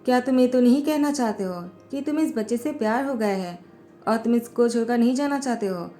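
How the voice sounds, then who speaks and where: A woman's voice: a little high, fairly quick, warm tone, soft background music, close to an everyday voice. Woman voicing a bossy young company boss. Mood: flat. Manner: curt, bossy. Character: cold scheming young male company president.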